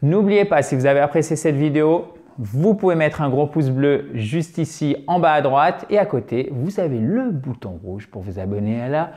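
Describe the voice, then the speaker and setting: A man who speaks French as his first language, teaching an English lesson to the camera in a lively, chatty way and joking at his own expense. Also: on the high side, normal speed, few pauses.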